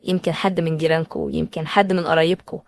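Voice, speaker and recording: A woman's voice: deep voice, steady tone, very fast, vocal fry. A woman voicing a defensive female neighbor who feigns shock and protests, with an Egyptian accent. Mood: indignant. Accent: Egyptian Arabic. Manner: indignant, defensive.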